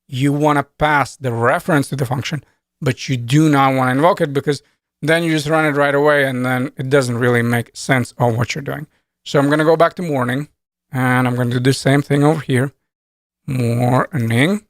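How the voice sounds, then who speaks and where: A man's voice: mid-range voice, no room sound, clean studio sound. A man teaching programming in a screen-recorded tutorial, talking casually and thinking aloud as he types code. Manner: conversational, thinks aloud while typing code. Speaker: programming instructor.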